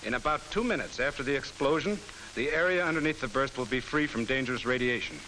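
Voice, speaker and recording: A man's voice: medium pitch, fast, bright, forceful tone, slight background noise, natural voice, low-quality recording. A man playing a blunt military instructor in a 1950 civil defense training film, with an American accent and slangy, scripted delivery. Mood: blunt, reassuring. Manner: blunt, slangy, hard-boiled. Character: blunt, wisecracking military instructor drilling servicemen. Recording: vintage 1950 film soundtrack with music.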